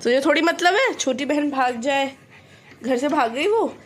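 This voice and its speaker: A woman's voice: sits high, lively intonation, measured pace. A young woman vlogging in casual chat, teasing and laughing often, switching between Hindi and English.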